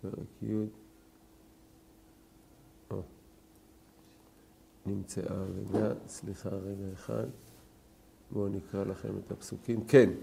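A man teaching a scripture class, questioning his students and rising to loud, emphatic peaks. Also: sits high, creaky. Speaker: Torah teacher.

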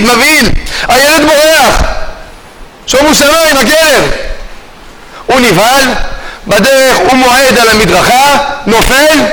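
A man's voice: very high voice, poor audio. A man giving a sermon as a rabbi, telling stories and calling out to his listeners. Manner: storytelling, calls out to listeners. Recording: loud background noise.

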